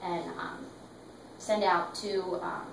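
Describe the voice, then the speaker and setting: Female sales rep, lowish voice, making a practice sales pitch in a noisy, roomy space. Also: fairly even intonation, takes it slowly. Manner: sales pitch, explaining and persuading. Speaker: sales representative in a practice role play. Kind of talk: semi-rehearsed sales pitch with a client. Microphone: distant microphone. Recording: roomy echo, distant mic, clear background noise.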